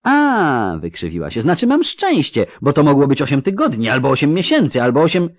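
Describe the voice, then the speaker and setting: A man's voice: medium pitch, very animated, unhurried, a little mellow, no room sound. A man voicing a proud, angry young woman who protests in heated, indignant outbursts.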